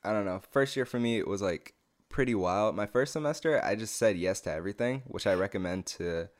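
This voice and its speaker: A man's voice: fairly low pitch, animated, brisk. A young man and podcast co-host, chatting casually with slang, laughing often and blunt. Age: young adult. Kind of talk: casual chat.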